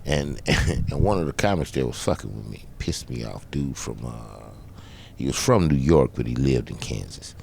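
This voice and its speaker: A man from Arkansas, a guest comedian telling a story on a podcast, animated and quick to laugh. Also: rumbling low, gravelly, a little hiss or hum.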